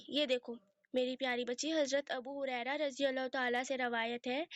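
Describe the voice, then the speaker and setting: A woman's voice: sits high, no room sound, highs cut off, lightly acted. A woman voicing a kind, motherly older aunt who soothes and reassures her niece.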